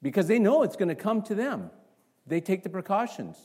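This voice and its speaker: After a quiet prayer, a Canadian pastor launches into an animated sermon, posing rhetorical question after rhetorical question to the church. His high voice has a breathy edge, and he moves a little fast.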